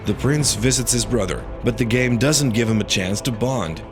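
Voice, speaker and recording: A man's voice: mid-range voice, moderate pace. A man narrating a scripted video game review in an opinionated, critical manner. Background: faint background music.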